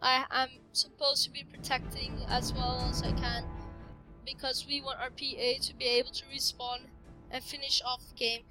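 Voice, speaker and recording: A woman's voice: high voice, level tone, normal speed, over music, poor audio. A woman casually narrating her own match, giving chatty play-by-play of the game. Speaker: gameplay commentator.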